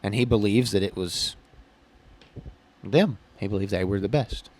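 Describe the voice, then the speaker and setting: A man's voice: on the low side, moderate pace, a little mellow. A man co-hosting a casual podcast chat who explains his views in a plain, matter-of-fact way, peppered with "literally" and "like", recorded in a small building. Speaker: podcast co-host.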